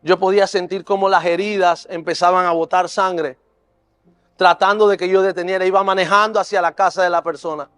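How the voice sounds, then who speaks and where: A man's voice: high voice, fairly even intonation, brisk, fairly bright tone, clear, resonant tone. A man preaching at a church service, telling an emotional personal testimony in an earnest, fervent way. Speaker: preacher and youth leader. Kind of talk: sermon testimony.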